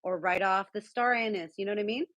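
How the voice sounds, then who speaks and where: A woman's voice: mid-range voice, fast, fairly bright tone, no echo, lo-fi sound. Woman from San Diego, casual guest cook, rambling and friendly-paced, dry close sound. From San Diego, California. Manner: chatty, lots of fillers. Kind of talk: casual cooking chat.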